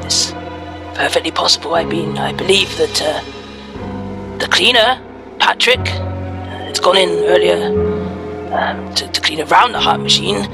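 Brief: a man as a busy doctor, high gravelly voice, impatient, music under. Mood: harried. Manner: rushed, impatient, repeats "yes, yes". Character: harried, brusque hospital doctor. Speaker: improv actor.

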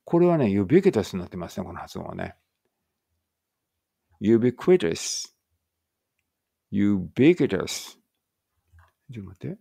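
A man teaching an English read-aloud lesson in casual speech, thinking aloud and correcting himself, and reading the English lines slowly and carefully. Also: on the low side, big pitch swings, vocal fry, warm tone, slightly rough, no echo, clean studio sound.

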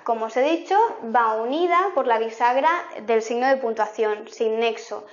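A woman teacher explaining grammar in a lesson, repeating example sentences slowly to make each point. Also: a little high, dull audio. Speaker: language teacher.

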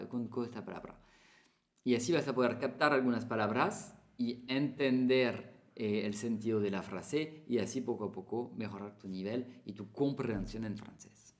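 Chatty teacher man. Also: medium pitch. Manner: chatty, repeats phrases, small Spanish slips. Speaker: French teacher. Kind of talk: casual spoken lesson to camera.

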